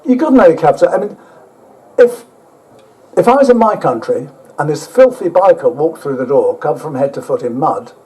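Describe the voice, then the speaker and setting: A man's voice: on the high side, lively intonation, moderate pace, mellow, rough recording. A man telling a rambling, self-mocking travel story to a live audience, with casual swearing. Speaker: speaker at an overland motorbike event.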